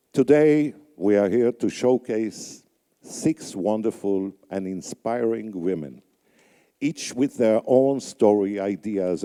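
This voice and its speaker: Slow, deliberate emcee remarks come from an older man raised on Yiddish, a radio announcer hosting a conference from the stage. Speaking into a microphone with small pauses and fillers as he searches for words, he has a low, very dark voice that resounds in a large, reverberant hall.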